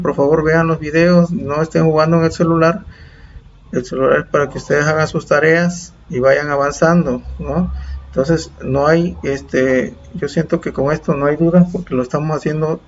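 A man's voice: a little high, steady tone, normal speed. A Mexican man teaching a primary-school video lesson, explaining patiently and repeating himself, with many fillers. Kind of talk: video tutorial for students. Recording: dull lo-fi with faint background noise.

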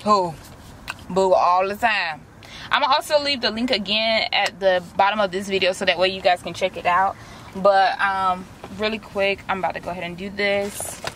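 Young woman w/ talking to her viewers from her car, bright highish voice, faint hum behind. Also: fairly even intonation, normal speed. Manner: chatty, slangy, talks straight to viewers. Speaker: vlogger. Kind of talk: casual chat while doing a face mask. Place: inside a parked car. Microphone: camera close in front.

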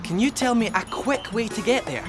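A man's voice: high voice, lively intonation, fairly quick, loud music behind the voice. A man playing a fussy, proud train buffet worker who talks in a chirpy, sing-song way and chuckles often in a children's TV show.

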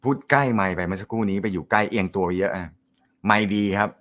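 A man hosting a casual live stream, reading viewer comments, with a naturally loud voice and a joking, chatty manner. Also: on the low side, fairly even intonation, quick pace. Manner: joking, laughs often, chatty. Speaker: host of a snooker live show.

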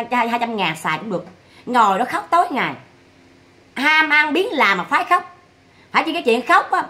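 Woman, high bright voice, scolding and mocking nonstop in a vlog rant. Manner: scolding, mocking, rhetorical questions. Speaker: vlogger commenting on family drama. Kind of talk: scolding monologue.

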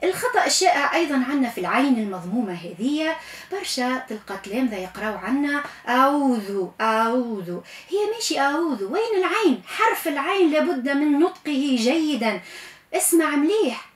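A woman with a Tunisian accent teaching Quran recitation in a radio lesson, coaching patiently and stretching sounds out slowly to demonstrate them. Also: high voice, very animated, roomy sound. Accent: Tunisian Arabic.

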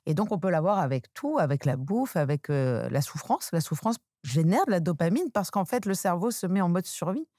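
A woman hosting a podcast, calmly explaining ideas in a reflective conversation and slowing down to stress her points. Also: fairly low pitch, no room sound, studio quality. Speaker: podcast host.

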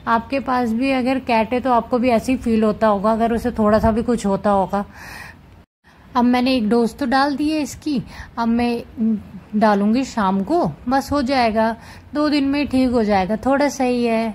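A woman vlogging casually at home with her cats, chatting gently to viewers as she handles them. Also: on the high side, steady tone, measured pace. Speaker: cat vlogger. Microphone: camera set up nearby.

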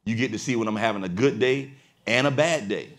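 A man's voice: medium pitch, brisk, fairly bright tone. A man hosting a panel discussion as a pastor, speaking in a preacherly way that climbs to emphatic peaks on a studio stage before an audience. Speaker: pastor and podcast host.

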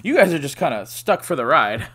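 A man's voice: a little high, sing-song, a little fast, fairly bright tone, breathy edge. A man giving casual let's play commentary, joking and self-deprecating, often sighing. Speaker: gaming channel host.

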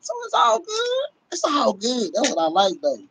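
Speaking at normal speed in a very high voice with wildly swooping pitch, a middle-aged livestream host who backs the Cowboys chats about sports. His tone is creaky, a bit bright and husky, full of slang, swearing and recurring catchphrases, captured by a close phone with no echo in a small room.

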